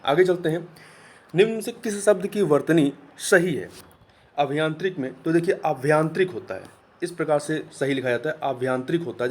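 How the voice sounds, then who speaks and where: A man teaching an exam-prep lesson, explaining answers patiently and repeating key words. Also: on the high side. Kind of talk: spoken lesson.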